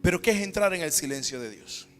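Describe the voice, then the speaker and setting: A man with a Panamanian Spanish accent preaching a sermon as pastor, swinging from loud, emphatic declarations down to hushed near-whispers. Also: high voice, expressive, fairly quick. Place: church sanctuary. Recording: reverberant church hall with background music.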